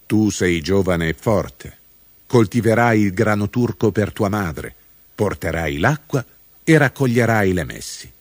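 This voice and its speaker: Man doing a calm, grave old grandfather. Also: lowish voice, unhurried, husky, no echo, studio quality.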